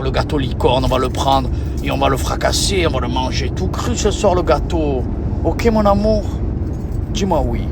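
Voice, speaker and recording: A man, a father playfully teasing and cooing at his baby in a casual family video. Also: medium pitch. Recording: noisy phone video.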